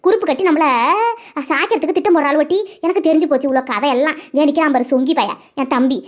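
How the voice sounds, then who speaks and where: A woman's voice: sits high, very fast. A woman, voicing quarrelsome, gossiping village women in a cartoon comedy.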